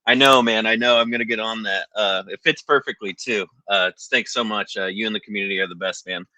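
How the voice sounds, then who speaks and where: A man's voice: lowish voice, fast talker, pushed and bright, no room sound, rough recording. A man calling in to chat casually as a sports fan, hesitant and chummy. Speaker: caller to a sports show.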